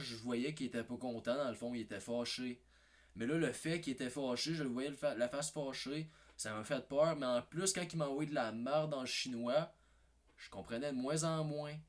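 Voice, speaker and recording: A man with a Québécois French accent telling a rambling comic anecdote, hesitant and repetitive, with many fillers and restarts. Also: medium pitch. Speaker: comedy video maker.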